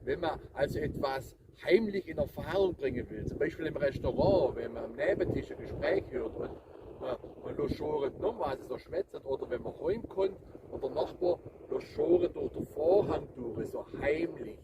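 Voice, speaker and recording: A man with a Swabian accent speaks in a fairly high voice. He explains dialect casually, in colloquial words aimed straight at the listener. Clear noise runs behind his voice. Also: expressive, moderate pace. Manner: colloquial, dialect-laden, addresses listeners directly. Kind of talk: casual explanatory talk to viewers.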